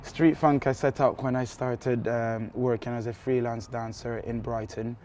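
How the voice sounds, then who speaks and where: A man, talking to camera about his career as a dance school director, relaxed and steady with frequent ums. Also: mid-range voice, a little slow, over music. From Italy.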